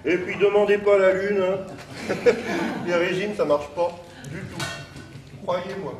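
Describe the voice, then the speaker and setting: A man's voice: high voice, flat delivery, takes it slowly. A man presenting a comic horoscope sketch on stage, joking and playing with words between chuckles. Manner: joking, wordplay, chuckling asides. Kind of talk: live comedy sketch on stage. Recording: echoey distant live stage recording with noise.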